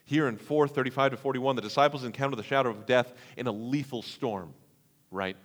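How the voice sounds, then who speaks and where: A man's voice: mid-range voice, brisk. Man preaching in a reverberant hall. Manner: dramatic swings between hushed and loud delivery. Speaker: pastor. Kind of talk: sermon.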